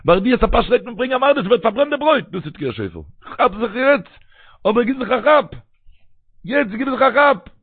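A man's voice: very high-pitched, animated, brisk, vocal fry, breathy edge, dry recording. A man preaching a religious sermon, telling his stories with animation and breaking into raised cries. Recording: tinny phone-like recording.

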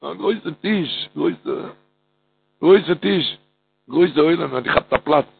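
A man preaching a storytelling sermon, animated, swinging from loud calls to low murmurs and intoning prayer phrases in a singsong. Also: measured pace, vocal fry, husky. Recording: tinny phone-like line.

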